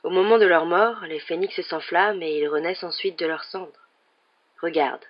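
A man voicing an old wizard headmaster who speaks calmly and gently, in a storybook reading. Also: on the high side, moderate pace, highs cut off, close to an everyday voice. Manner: calm and gentle. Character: old male headmaster wizard, calm and grave.

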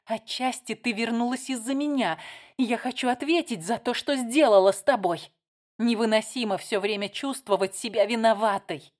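A woman's voice: fairly high pitch, close to an everyday voice. A woman reading a novel aloud, voicing a heated, insistent younger sister. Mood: pleading.

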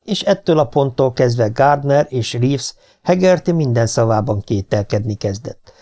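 Audiobook narrator, man, warm dark timbre, dramatic delivery. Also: medium pitch, expressive. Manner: dramatic storytelling. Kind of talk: scripted narration.

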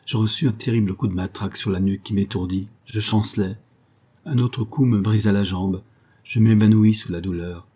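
A man's voice: lowish voice, steady tone, normal speed, warm tone, husky. A man voicing a distressed young army lieutenant telling of his capture, read aloud in an earnest first-person manner. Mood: tense. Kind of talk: audiobook reading.

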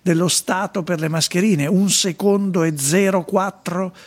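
A man's voice: high-pitched, steady tone, a little slow. A man hosting a radio show in casual chat, wry and amused, speaking from a studio. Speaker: radio host.

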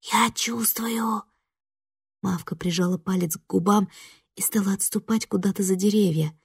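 A woman's voice: mid-range voice, fairly even intonation, a little fast, creaky, warm tone, slightly rough, dry recording, clean studio sound. A woman narrating a first-person horror story in a tense, dramatic way. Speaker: audiobook narrator.

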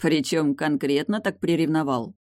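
A woman's voice: low-pitched, moderate pace, darkish tone, no room sound, studio quality, natural voice. Teasing male sidekick, read by a woman. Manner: mocking, playful.

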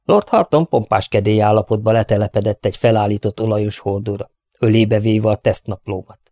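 A man reading an audiobook in steady, measured narration on a close studio mic. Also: fairly low pitch, no echo. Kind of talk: scripted narration.

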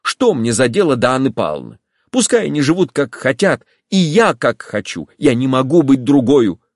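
A man reading an audiobook voices an impulsive young woman, pleading and agitated, in a lively character voice. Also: fairly high pitch, measured pace, dry recording, studio quality, voice pushed up.

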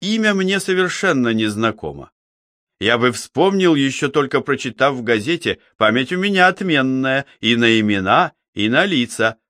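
A man voicing a witty, sociable young male chemist who speaks with animated, emphatic exclamations in an audiobook. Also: mid-range voice, normal speed, dry recording, studio quality. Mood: surprised.

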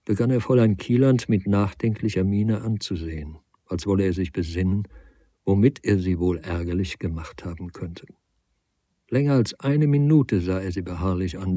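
An older man reading a literary novel aloud as narrator, measured and calm. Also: low-pitched, no echo.

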